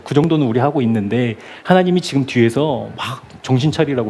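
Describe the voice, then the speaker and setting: A male pastor preaching at a midweek church service, telling a story and acting out the people in it. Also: mid-range voice. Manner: animated storytelling, acting out quoted voices. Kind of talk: sermon.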